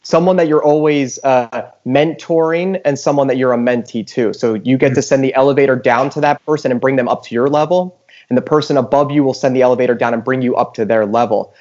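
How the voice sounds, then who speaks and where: A man's voice: mid-range voice, fairly quick, a little mellow, lo-fi sound. A man hosting a podcast, asking long, searching questions in casual talk. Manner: rambling, searching for words. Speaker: podcast host.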